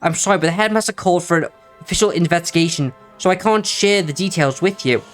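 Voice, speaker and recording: A game reader voicing a stern female academy teacher who speaks in a brisk, clipped, official way over faint music. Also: mid-range voice, natural voice.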